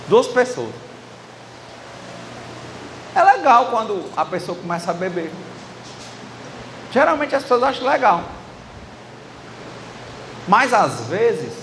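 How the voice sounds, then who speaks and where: High-voiced Cearense preacher in echoey hall. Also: male voice, fairly bright tone, slight background noise. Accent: Ceará, Brazil. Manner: conversational, acting out dialogue with the audience. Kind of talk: sermon. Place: church hall with live audience. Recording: echoey hall with faint ambience.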